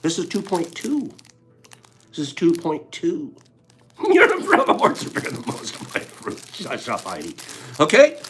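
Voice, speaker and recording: Running giveaways on a casual livestream, this host jokes and teases while addressing his chat directly. The man's voice sits on the high side with a fairly bright tone, and there's slight background noise.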